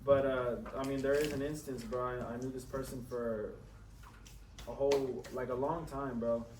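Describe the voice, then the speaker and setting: A man in his twenties on a podcast, talking earnestly in halting phrases with many restarts. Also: mid-range voice, steady tone. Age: 20s. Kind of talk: casual chat. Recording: echoey room, distant mic, faint noise.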